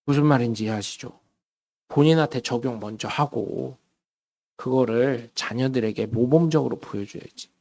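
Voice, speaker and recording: A male pastor preaching a sermon, telling stories with acted quotes and swinging between loud lines and hushed ones. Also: medium pitch, normal speed, creaky.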